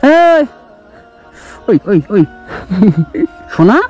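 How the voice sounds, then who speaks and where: A man's voice: very high-pitched, animated, fairly quick, muffled recording, soft background music. A man vlogging outdoors with his small daughter, coaxing and doting on her in casual talk. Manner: coaxing, doting, talks softly to a small child. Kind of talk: casual vlog talk to a child. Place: outdoors in tree shade on a hot day.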